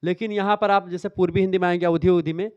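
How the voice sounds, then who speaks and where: Guy running an exam revision lesson, high voice, kinda dull lo-fi sound. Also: steady tone, fast talker, darkish tone, clean tone, no room sound. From northern India. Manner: explanatory, repeats "ठीक है" often. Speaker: teacher.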